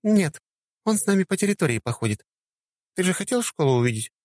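A man voicing a cheerful young woman student in an audiobook, lifting his voice high and lively. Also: fairly quick, no echo, clean studio sound.

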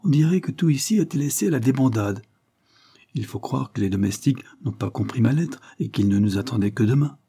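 A man's voice: medium pitch, animated, a little fast, creaky, dark tone, breathy edge. A man reading aloud voices a kind, affectionate husband who speaks earnestly.

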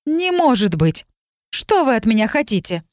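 Woman voicing a frightened young woman, shrill, frantic, flustered, dry close sound. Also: very animated, normal speed, darkish tone, dry recording.

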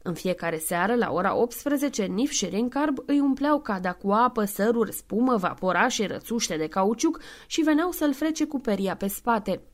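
Measured woman reading a novel aloud. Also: on the high side, expressive. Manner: measured, clear reading with spoken footnotes. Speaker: audiobook reader. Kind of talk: scripted narration.

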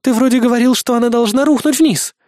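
A man's voice: extremely high pitch, fast talker, darkish tone, no room sound, pitched above the performer's own voice. A curious young woman who keeps asking questions, as a male audiobook narrator plays her. The voice is lifted above his own, and the sound is dry and close, with no room.

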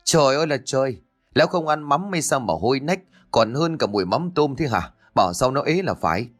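A man's voice: medium pitch, lively intonation, a little fast, soft background music, pitched above the performer's own voice, close to an everyday voice. A man voicing an indignant village woman who scolds and threatens in a story. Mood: disgusted.

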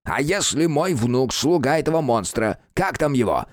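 A man's voice: mid-range voice, sing-song, moderate pace, dry recording, clean studio sound, pitched above the performer's own voice, natural voice. A man putting on a rowdy old village grandpa. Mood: shouting, taunting. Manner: yelling, taunting and boastful. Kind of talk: audiobook character voice.

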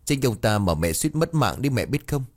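A man voicing a headstrong, bitter teenage girl who shouts back defiantly in a storybook reading. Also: fairly low pitch, big pitch swings, moderate pace.

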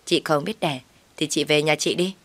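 A woman voicing a haughty, sharp-tongued young sister-in-law who sneers at her brother's wife. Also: low-pitched, moderate pace, dry recording. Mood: spiteful.

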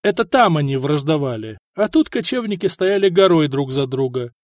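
A man narrating an audiobook in an expressive storytelling manner. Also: on the high side, moderate pace, no echo, studio quality. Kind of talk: scripted narration.

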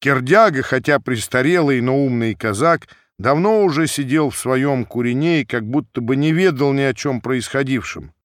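A man narrating classic prose for an audiobook with an expressive delivery. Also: mid-range voice, normal speed, hardly any pauses, no echo, clean studio sound.

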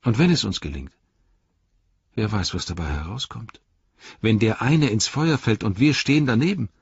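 A man reading an audiobook and voicing a weary, gentle male hobbit hero who speaks quietly, earnestly and broodingly. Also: lowish voice, expressive, normal speed, husky, dry recording, muffled recording, voice pushed up, exaggerated voice. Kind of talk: audiobook character voice.

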